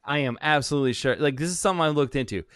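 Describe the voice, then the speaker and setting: A man's voice: mid-range voice, racing, a bit bright, dry recording. Rambling profane man, dry close sound. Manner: rambling, profane, laughs often. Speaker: podcast co-host. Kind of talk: casual comedic chat.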